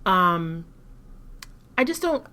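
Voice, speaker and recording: Low-voiced woman co-hosting a podcast. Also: big pitch swings, bright, forceful tone, smooth. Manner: measured, critical, frequent restarts. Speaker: podcast co-host. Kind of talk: casual discussion.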